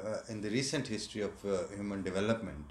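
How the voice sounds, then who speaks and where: A man's voice: on the low side, fast talker. A man from Pakistan hosting a conversational interview, hesitant with many fillers and frequent laughter. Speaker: host. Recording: echoey room.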